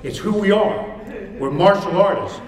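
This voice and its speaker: A man with a high voice gives fighters a rousing pep talk at a moderate pace, hammering home repeated short phrases with emphasis. Recorded on a distant mic in a big echoey hall before a crowd, the clip has heavy background noise.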